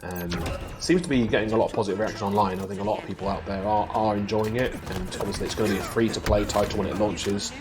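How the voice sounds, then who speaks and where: A man's voice: lowish voice, steady tone, quick pace, few pauses. A man co-hosting a live games show, chatting casually over gameplay footage, laughing often and restarting sentences with lots of ums. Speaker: co-host of weekly games show.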